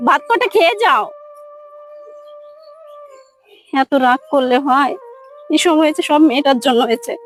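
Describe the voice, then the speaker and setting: A woman's voice: high voice, sing-song, brisk, faint music behind, rough recording. A woman playing a harried village wife and mother who grumbles about her daughter and pleads with her husband. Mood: pleading. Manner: scolding, then pleading and coaxing. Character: harried village housewife and mother, young adult.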